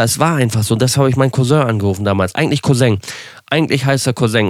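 A man's voice: mid-range voice, no room sound, studio quality. A young man from hosting a podcast and telling a personal story in a candid, rambling way. He keeps correcting himself and adds wry asides. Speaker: podcast host.

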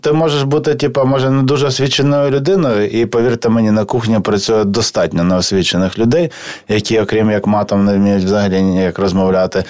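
A man hosting a podcast in casual chat, relaxed and talkative, swearing now and then. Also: fairly low pitch, brisk. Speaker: podcast host and chef.

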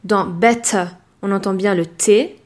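A woman at a middling pitch runs a language lesson. She explains in a clear, measured way and slows down to demonstrate each example word. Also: darkish tone. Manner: clear and measured, slowing down to model words. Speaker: language teacher.

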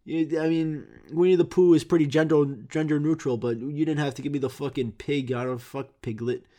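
A man's voice: fairly high pitch, fairly even intonation, brisk, mellow. A man hosting a podcast, telling childhood stories in a rambling, profane, self-interrupting way. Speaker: podcast host. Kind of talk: casual comedic monologue.

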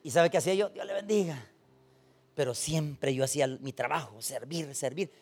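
A man preaching a sermon, telling stories and acting out the people in them, swinging from soft asides to loud points. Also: a little high, normal speed. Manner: animated storytelling, acting out quoted voices, swings from soft to loud. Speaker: pastor.

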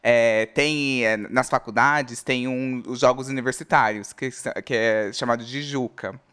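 Smooth-voiced man telling a lively story. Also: mid-range voice, unhurried. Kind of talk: casual chat.

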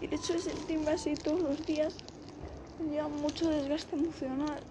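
A woman from Spain with a Spanish accent, speaking a halting, confessional monologue on the edge of tears, repeating and restarting her phrases. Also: high-pitched, little pitch movement, background noise. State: close to tears. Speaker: vlogger. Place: outdoors, people passing by.

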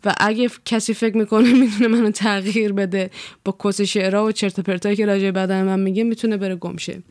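Blunt, ranting young woman with smooth voice. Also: medium pitch, dry recording, clean studio sound. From Iran. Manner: blunt and profane, animated ranting with laughs. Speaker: vlogger. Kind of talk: casual chat.

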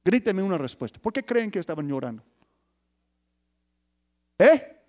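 High-voiced man preaching lively. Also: measured pace. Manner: lively preaching with rhetorical questions, swings between loud emphasis and soft asides. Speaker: pastor. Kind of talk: sermon.

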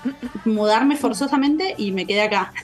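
A woman's voice: on the high side, moderate pace, over music. An Argentine woman chatting easily as a guest over a call, laughing now and then. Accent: Argentine Spanish. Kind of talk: casual chat on a call.

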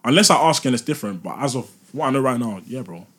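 A young man with a London accent and a rough-edged, husky voice at an average pitch. He banters casually with friends on a podcast, hammering points home through slangy repetition. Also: lively intonation, fast talker, a bit bright. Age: young adult. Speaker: podcast panellist.

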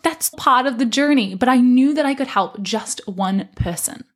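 Speaking at a normal speed in a voice on the high side, a young woman runs her own solo podcast. She takes on a life-coach role, offering motivational talk in an earnest, encouraging and emphatic manner.

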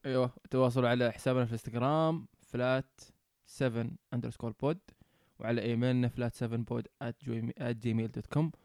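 A young man, co-hosting a casual podcast and telling stories in a relaxed, bantering way. His pitch sits in a middle range, and he races along at a very fast pace. The recording is dry and close-miked. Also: smooth, dry recording. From Oman. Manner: quick, storytelling, relaxed banter. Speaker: podcast co-host.

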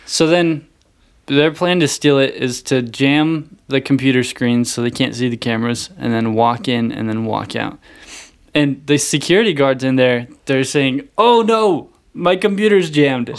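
A man co-hosting a laid-back movie review podcast, talking through scenes in a mid-range voice. He keeps slipping into quick mock quotes of the characters. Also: medium pitch, steady tone, creaky, smooth. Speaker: podcast co-host. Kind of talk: casual movie review chat.

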